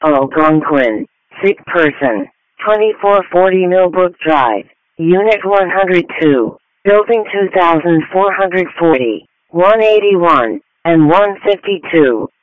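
A man's voice: sits high, animated, slow pace, dry recording. A man's voice reading formal fire dispatch announcements in separated phrases over radio. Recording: narrow, tinny radio channel.

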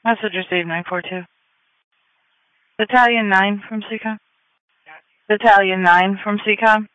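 A man's voice: sits high, fairly even intonation, measured pace, bright, forceful tone, clear, resonant tone, dry recording. A man working as an emergency dispatcher, giving clipped, procedural acknowledgements over a dull radio channel.

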